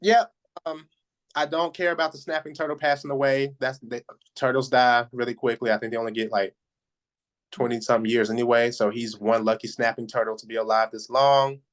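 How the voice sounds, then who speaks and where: A man's voice: mid-range voice, fairly even intonation, fairly quick. A man co-hosting a casual podcast, ranting sarcastically and swearing. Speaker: podcast co-host. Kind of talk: casual chat.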